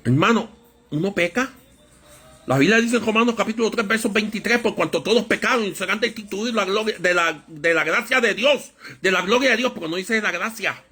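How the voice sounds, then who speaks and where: Husky high-voiced man preaching a sermon. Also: a little fast, faint music behind. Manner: animated storytelling, acts out voices in an anecdote. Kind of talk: Bible study sermon.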